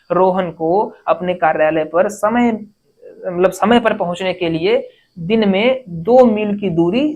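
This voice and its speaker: A woman teaching an exam-prep grammar lesson, explaining step by step, asking questions and answering them herself, and reading example sentences slowly. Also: medium pitch, a little mellow. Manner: reads English sentences slowly, word by word.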